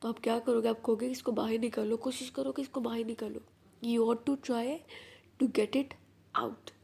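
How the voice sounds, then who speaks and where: Pakistani Punjabi woman teacher, slightly high, husky, unhurried classroom delivery. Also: steady tone, a little mellow. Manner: explains English in Hindi-Urdu, slow careful English readings. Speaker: school teacher. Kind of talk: classroom lesson.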